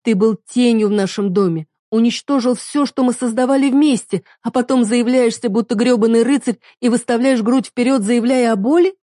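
A woman voicing a heartbroken young wife who shouts bitter accusations at her husband, on the edge of tears. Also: a little high, normal speed, hardly any pauses, dry recording, clean studio sound, voice pushed up, lightly acted. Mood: anguished shouting.

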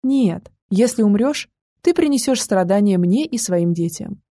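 A woman voicing a grieving mother who pleads softly and earnestly with her grown son, in an audiobook. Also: mid-range voice, animated, unhurried, dry recording, clean studio sound. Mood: pleading.

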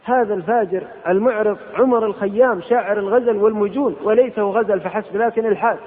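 Man, fiery sermon, very high voice, tinny hall recording. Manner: impassioned, scolding, rising to sharp outbursts. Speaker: preacher. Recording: tinny old cassette in a hall.

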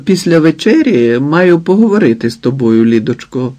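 A man voicing a stern elderly mother-in-law who speaks calmly and with restraint, in a storybook reading. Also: a little high. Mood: cool, composed. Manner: calm, measured, restrained.

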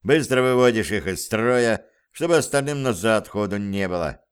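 A man voicing a brisk male guerrilla leader who gives curt orders, read as audiobook dialogue. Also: on the low side, expressive, smooth, natural voice. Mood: commanding.

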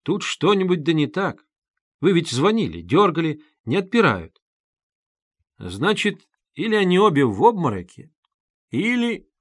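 Brief: a man acting a bright-voiced, excitable young fellow, higher pitch, close dry sound. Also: unhurried, pauses often, no room sound. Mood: eager urgent. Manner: ringing, lively, urgent. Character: eager, sharp young man, quick-witted.

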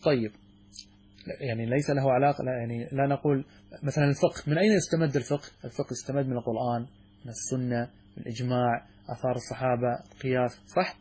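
A man's voice: medium pitch, steady tone, fast, darkish tone, breathy edge. A man teaching a class as a sheikh, who asks his students questions, answers them himself and often stops and restarts his sentences. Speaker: sheikh teaching a logic text. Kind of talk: classroom lecture.

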